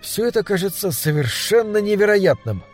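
A man reading as a steady, reassuring doctor. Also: high-pitched, normal speed, soft background music, voice pushed up. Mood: earnest. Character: composed male doctor, shaken but steady. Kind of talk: audiobook character reading.

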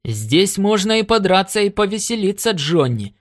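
A man voicing a jolly, boisterous Irish spacefarer with a frog-like grin, exclaiming excitedly in an audiobook. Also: mid-range voice, moderate pace, no echo, clean studio sound, close to an everyday voice. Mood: exuberant.

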